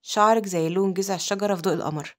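A woman's voice: mid-range voice, rapid-fire, lightly acted. A woman reading as a teasing young nobleman, Egyptian accent. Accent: Egyptian Arabic.

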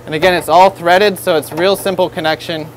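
In a store showroom, an American man in his thirties demonstrates how to set up an aquarium, speaking upbeat and instructive into a lapel mic. His voice sits high with fairly even intonation and a slightly fast pace, and there's a bit of hiss or hum. It's a product demonstration tutorial.

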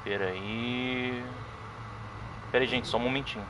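Unhurried and medium in pitch, the voice belongs to a young Brazilian man with a Brazilian Portuguese accent, heard over a noisy background. He's playing a horror game on stream, chatting casually with viewers, thanking followers, and yelping in sudden excitement.

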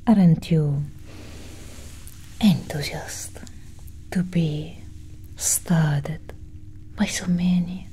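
Close to the mic, a young woman whispers breathily in a soft ASMR roleplay, playing a calm, clinical female alien scientist examining a human. Her delivery is slow, deliberate and hushed, over a steady low engine-like hum.

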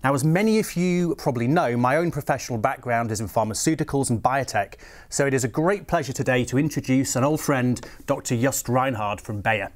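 Friendly middle-pitched male interview host. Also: brisk. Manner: friendly, hesitant, fillers and repeats. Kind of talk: interview hosting.

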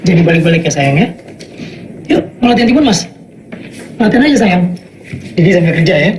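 An actor playing a loving, flustered stay-at-home father who coaxes his small daughter tenderly and pleads with her loudly. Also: high-pitched, expressive, brisk, slight background noise. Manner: coaxing, tender, rising to loud pleading.

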